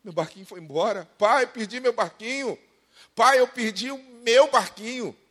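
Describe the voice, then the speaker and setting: A man's voice: very high-pitched, moderate pace, a bit bright, voice pushed up. A man voicing a little boy in a story told from the pulpit, pleading plaintively over his lost toy boat. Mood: upset.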